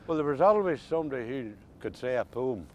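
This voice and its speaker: An older man with an Ulster Scots accent reminisces about old country life in a casual interview, telling folksy, dialect-rich stories. His mid-range voice is animated and brisk with a darkish tone, over slight background noise.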